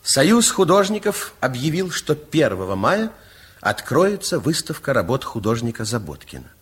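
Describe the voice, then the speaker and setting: A man with a medium-pitched voice at a moderate pace narrates a Soviet children's radio play. He's an expressive fairy-tale narrator, theatrical, playful, and confiding in his storytelling.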